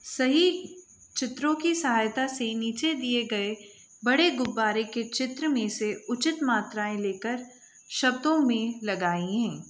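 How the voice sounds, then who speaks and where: A woman teacher reading out a lesson for young children, pronouncing each word slowly and repeating it with emphasis. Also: fairly high pitch, slight background noise, rough recording. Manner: slow, drawn-out word-by-word pronunciation.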